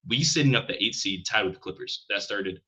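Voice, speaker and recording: A man co-hosting a casual sports podcast, talking in an animated way, with restarts and self-deprecating asides. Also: fairly low pitch, brisk, husky, muffled recording. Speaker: podcast co-host.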